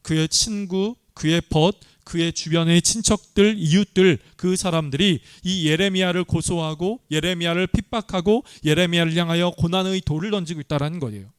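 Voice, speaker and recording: Earnest preaching man, smooth and dry. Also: sits high, moderate pace, few pauses, dry recording. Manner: earnest, asks the congregation questions. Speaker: pastor. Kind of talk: sermon.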